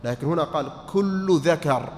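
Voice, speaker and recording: In a large mosque hall, a man with a somewhat high voice teaches a study-circle lesson on inheritance law at a moderate pace. He quizzes his students, repeats points, and checks they're following, all in a reverberant recording with faint noise.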